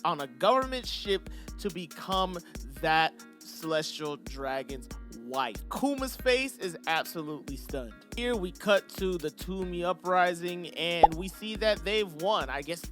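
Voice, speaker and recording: A man with a slightly higher-than-usual voice hosts a casual review and chats straight to his viewers in loose, slangy talk. Faint music plays underneath. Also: expressive, a little slow, a bit bright. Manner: laid-back, slangy, talks straight to viewers. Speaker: anime channel host.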